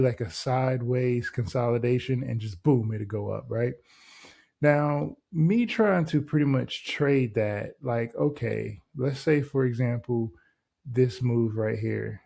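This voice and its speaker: A man hosting a trading channel, walking through a chart in a loose, casual way and tossing in "right?" and "boom" between steps. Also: creaky, warm tone. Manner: loose and conversational, heavy on filler words like "right?" and "boom". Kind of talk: casual screen-share trading walkthrough.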